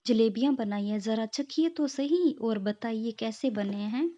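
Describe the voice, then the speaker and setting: A vain young daughter-in-law from a storybook bragging with sugary condescension, as a woman reads her. The voice sits fairly high and mellow. The recording is dull and lo-fi. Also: lively intonation, measured pace. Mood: boastful. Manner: boastful, sweetly condescending.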